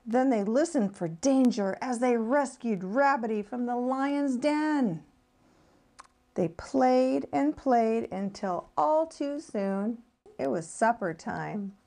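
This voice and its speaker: Picture-book reader, woman, slow and melodic, fairly high voice. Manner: expressive, sing-song storytelling. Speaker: speech-language pathologist reading aloud. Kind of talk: children's picture-book read-aloud.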